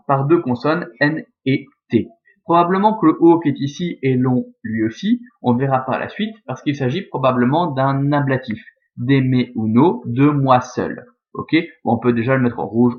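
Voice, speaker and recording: A male teacher talks through a recorded lesson on Latin verse, patient and methodical as he takes each step in turn. His voice sits in an ordinary middle register. The recording is dull and lo-fi. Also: medium pitch. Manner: methodical, explains step by step with fillers like "hein" and "euh". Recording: dull, lo-fi sound.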